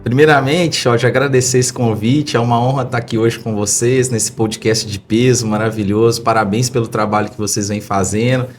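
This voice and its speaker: A tech entrepreneur of about forty from Belo Horizonte, with a Minas Gerais Brazilian accent, appears as a podcast guest and tells stories in a casual, effusive, anecdotal way with frequent tag questions. His medium-pitched voice has a steady tone, and he speaks briskly with few pauses. Soft music plays in the background.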